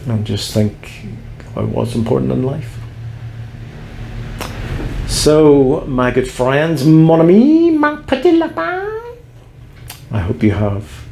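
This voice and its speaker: A man vlogging from a cable car on a mountain, rambling reflectively and gently mocking himself. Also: mid-range voice, gravelly, roomy sound, a little hiss or hum. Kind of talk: musing vlog monologue.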